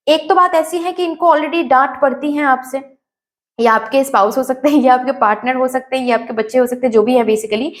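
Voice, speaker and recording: A woman giving a tarot reading, speaking straight to the viewer, mixing English words into her Hindi and repeating phrases. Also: high-pitched. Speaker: tarot reader.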